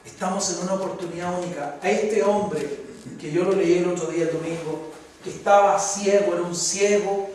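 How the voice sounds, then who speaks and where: High-voiced preaching man in echoey hall. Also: fairly even intonation, moderate pace. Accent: Chilean Spanish. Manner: preaching, rising to loud fervent peaks. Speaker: pastor. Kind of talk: sermon. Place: church hall. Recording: echoey hall from far off, faint noise.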